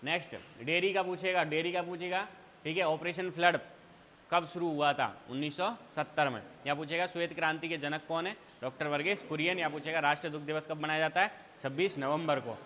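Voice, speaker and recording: A man's voice: a little high, steady tone, brisk, pushed and bright, slight background noise. A male teacher giving an exam revision lecture, asking a question, answering it, then asking again. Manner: quizzing students with repeated call-and-response questions. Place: classroom. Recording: hall reverb.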